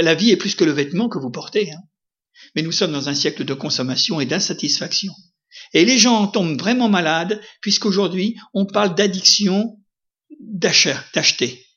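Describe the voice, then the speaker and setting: A man's voice: high voice, fairly bright tone, lo-fi sound. A man preaching a sermon in a conversational way, often asking his listeners questions. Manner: conversational, asks the audience questions, frequent "hein".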